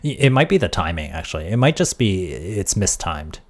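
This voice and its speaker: A man streaming casually, thinking aloud as he works on audio software and trailing off into quiet mutters. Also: sits low, sing-song, moderate pace. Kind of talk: casual tech livestream.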